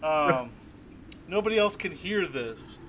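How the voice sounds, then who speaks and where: A man's voice: a little high, expressive, slow pace, fairly bright tone, a little hiss or hum. A man running a tabletop game as game master, narrating casually and thinking aloud.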